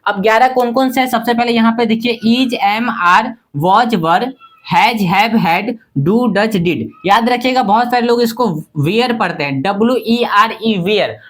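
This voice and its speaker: A man's voice: extremely high pitch, fairly bright tone. A male English teacher explaining grammar in Hindi, asking and answering his own questions and repeating key points for his viewers. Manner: addresses viewers as friends; slows to recite word lists.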